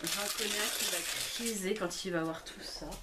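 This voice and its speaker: A young woman, a book blogger, chatting casually and gushing with excitement as she opens presents at home. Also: mid-range voice, normal speed, very noisy. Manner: excitable, gushing, full of exclamations. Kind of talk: casual unboxing chat.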